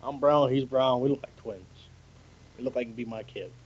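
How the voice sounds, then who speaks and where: A man's voice: medium pitch, normal speed, breathy edge. Joking man on muffled audio. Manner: joking, teasing. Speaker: podcast co-host. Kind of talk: casual chat.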